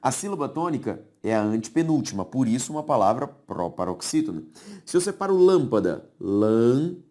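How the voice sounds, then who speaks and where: A man's voice: medium pitch, very animated, warm tone. A man with a Brazilian Portuguese accent teaching grammar rules in a classroom lecture, who repeats key words and keeps checking that the class follows. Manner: explains slowly, repeats key words, checks understanding often.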